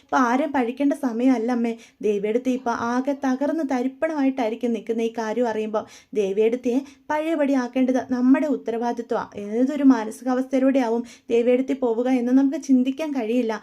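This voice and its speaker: A woman voicing a young daughter who calmly reasons with her mother. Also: on the high side, brisk, muffled recording, close to an everyday voice. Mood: calm reasoning. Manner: calm, reasoning.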